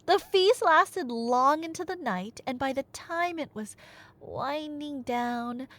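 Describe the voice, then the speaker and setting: A high-pitched, slightly bright woman's voice moves slowly through Greek myths, close to the microphone. She's roleplaying an excited nerdy girlfriend in a casual ASMR piece, telling the stories to a listener in a teasing, conversational way with dramatic emphasis.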